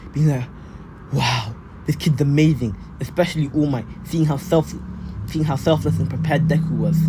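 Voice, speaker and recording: A man with a mid-range voice telling an improvised fan story in a casual, halting way, doubling back and repeating phrases as he goes. A faint noise sits behind him. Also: mid-range voice. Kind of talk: casual fan-fiction narration.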